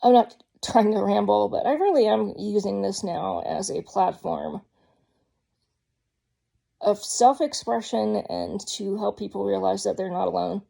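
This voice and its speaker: Gravelly-voiced woman vlogging candidly. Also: medium pitch, unhurried, mellow. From Georgia, US. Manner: rambling, candid, frequent ums. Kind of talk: casual personal vlog.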